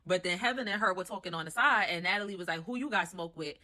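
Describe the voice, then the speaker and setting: Fast-talking, bright-voiced young woman recapping. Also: fairly low pitch. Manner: fast, opinionated and gossipy, with slangy asides. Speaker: reality TV recap host. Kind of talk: casual show recap.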